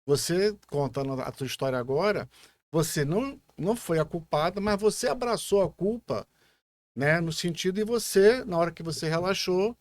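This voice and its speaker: A man's voice: high-pitched, expressive, moderate pace, no room sound. A Brazilian man hosting a podcast, talking in a reflective, hesitant way as he thinks aloud. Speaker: podcast host. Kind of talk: casual podcast conversation.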